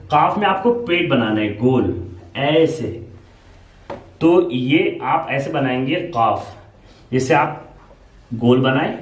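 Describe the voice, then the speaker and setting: A man's voice: a little high, recorded from a distance. A man teaching the Arabic alphabet to beginners, explaining each letter patiently and step by step, with plenty of repetition. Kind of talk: beginner alphabet lesson at a board. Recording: roomy echo, speaker away from mic.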